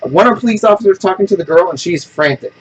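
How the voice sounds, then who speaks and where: A man's voice: high voice, fast talker, husky, rough recording. A man hosting a casual podcast chat, blunt and opinionated, telling stories animatedly and acting out the people in them. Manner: animated storyteller who acts out quoted people. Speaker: podcast host.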